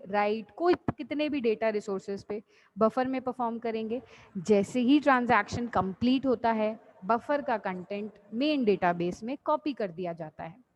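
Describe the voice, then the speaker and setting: A woman lecturer teaching an online class, patiently repeating each point in simple terms and addressing students fondly. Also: a little high. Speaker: college lecturer. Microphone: computer mic on video call. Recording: dull lo-fi online call audio.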